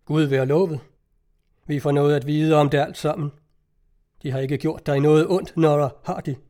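A devoted husband, voiced by a man reading a novel aloud speaks earnestly and with feeling. The tone is warm and mellow, in a plain storybook reading style. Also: on the high side, fairly even intonation, close to an everyday voice.

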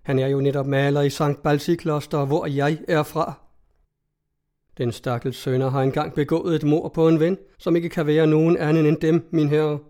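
A man's voice: fairly high pitch, little pitch movement, mellow, lightly acted. A man voicing a stout, fervent old monk who exclaims his warnings. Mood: explaining. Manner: zealous, exclaiming.

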